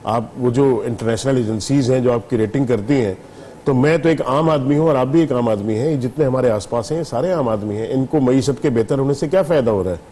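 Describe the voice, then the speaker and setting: A middle-aged man from Pakistan, a business leader guest on a TV talk show, arguing his case in a measured, explanatory way. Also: mid-range voice, mellow, slight background noise. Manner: measured, explanatory, argues patiently.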